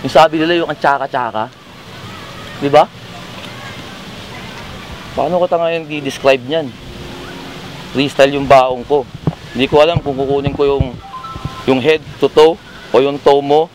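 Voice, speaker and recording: A man's voice: medium pitch, fairly even intonation, unhurried, long pauses. A man freestyling conversational, comedic battle rap banter in a teasing, profane manner. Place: live battle rap event. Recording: noisy urban ambience with vehicles.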